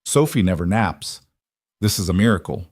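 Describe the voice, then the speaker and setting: A man voicing a calm, reserved rich father. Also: low voice, normal speed, dry recording, studio quality. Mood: warm. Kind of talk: dramatized story reading.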